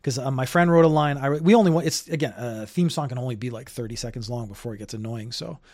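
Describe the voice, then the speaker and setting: Talking fast in a mid-range, slightly mellow voice, an older Canadian podcaster delivers loose, opinionated solo commentary from home in Japan. His style is casual and rambling.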